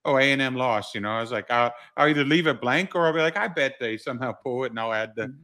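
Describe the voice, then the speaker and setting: A man's voice: mid-range voice, fast, bright, forceful tone. A man co-hosting a sports podcast as a writer, chatting casually and saying "you know" often.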